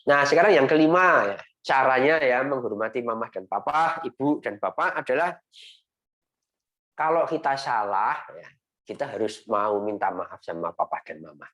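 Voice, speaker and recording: A man teaching young children in Sunday school over a video call, gentle and repetitive, often ending phrases with a coaxing "ya". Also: mid-range voice, lively intonation, normal speed.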